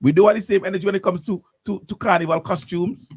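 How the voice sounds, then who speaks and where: A man's voice: high voice, steady tone, fast, slightly rough, dry recording. A man hosting morning radio talk, ranting animatedly with lots of repeats and restarts in a studio. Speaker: radio host.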